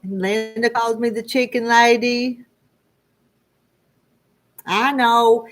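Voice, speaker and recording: A woman's voice: fairly high pitch, fairly even intonation, slow, soft background music. A woman in her sixties with a rural Southern Ozark country accent, chatting casually to live viewers as host in a folksy, rambling, homespun way. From Arkansas Ozarks foothills, United States. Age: 60s. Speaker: livestream host.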